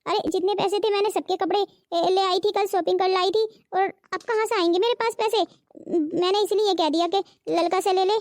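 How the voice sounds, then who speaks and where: A woman's voice: extremely high pitch, fairly even intonation, normal speed, a little mellow, dry recording, clean studio sound. A woman voicing a young wife in a cartoon who makes excuses about money. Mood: defensive. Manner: defensive, excuse-making. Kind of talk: cartoon voice acting.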